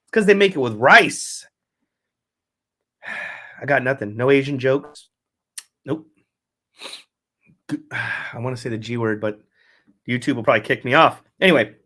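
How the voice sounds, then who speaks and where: A man's voice: mid-range voice, pushed and bright. A man hosting a casual solo fantasy football recap, rambling, swearing constantly and correcting himself. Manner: profane, rambling, self-correcting. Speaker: fantasy football podcast host.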